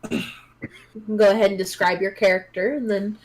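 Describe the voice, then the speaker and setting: A woman narrating as game master of a tabletop role-play session, encouraging and quick to laugh. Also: medium pitch. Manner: lively and encouraging, laughs often.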